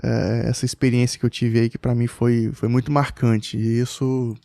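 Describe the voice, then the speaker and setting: Warm, hesitant man telling a story. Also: mid-range voice, level tone, moderate pace, gravelly, no echo. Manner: hesitant, many restarts and "né?". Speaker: podcast guest, father. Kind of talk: personal storytelling in a casual chat.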